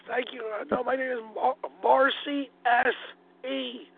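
A woman with a thick New Jersey accent and a congested smoker's rasp, sharing informally at a meeting and repeating words haltingly. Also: high voice, little pitch movement. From New Jersey, United States. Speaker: member sharing at a recovery meeting. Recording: tinny phone line with some noise.

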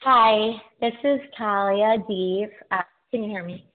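A woman from Minnesota calling in to a recovery meeting, her voice echoing from a second device and her speech hesitant, with many pauses. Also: mid-range voice. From Minnesota, USA. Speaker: caller sharing at a recovery meeting. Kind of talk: phone-in recovery meeting share. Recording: tinny phone line with echo.

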